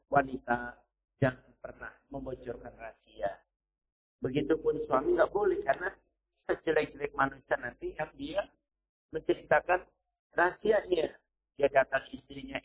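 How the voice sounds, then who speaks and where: A male preacher giving a sermon, stressing points with a repeated "ya" and quoting Arabic verses. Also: a little high. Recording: tinny phone-like recording.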